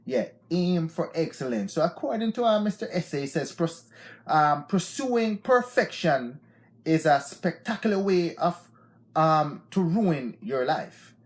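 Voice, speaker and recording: A man's voice: on the high side, expressive, measured pace. Laid-back Jamaican man in his forties. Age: 40s. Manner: loose and repetitive, peppered with "yeah, man" and laughs. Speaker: live stream host. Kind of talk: unscripted motivational talk.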